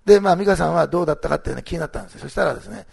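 A man's voice: a little high, racing, vocal fry, darkish tone, breathy edge. A middle-aged male pastor giving church announcements and sharing a testimony, rambling with many fillers and restarts.

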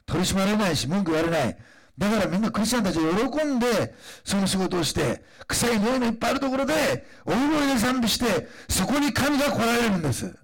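A man delivers a sermon with a high, husky, gravelly voice. His pitch swings widely as he moves from halting, filler-filled asides to fervent, emphatic declarations. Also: lively intonation. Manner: conversational preaching with frequent fillers, rising to emphatic declarations. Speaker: pastor.

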